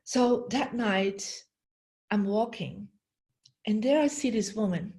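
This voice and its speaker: A woman's voice: medium pitch, slow, darkish tone. A middle-aged woman telling a story while teaching an online master class, often checking in with the audience by asking "yeah?". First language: Dutch. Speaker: feng shui teacher.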